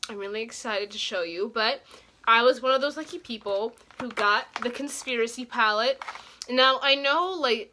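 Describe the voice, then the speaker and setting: Bright-voiced young woman talking through swollen cheek. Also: on the high side. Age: young adult. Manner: rambling, informal. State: talking awkwardly with a swollen, sore cheek, as if after dental work. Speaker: beauty vlogger. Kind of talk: casual chat to camera.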